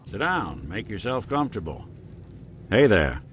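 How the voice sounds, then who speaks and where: In video game dialogue, an actor voices a weary male synth private detective with dry, laid-back wit and a wry mood. His voice is on the low side, very animated yet unhurried, with a little hiss or hum.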